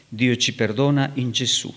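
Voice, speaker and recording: A man preaching and teaching from scripture, animated and rising sharply in pitch for emphasis. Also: moderate pace. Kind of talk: sermon. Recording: long hall reverb.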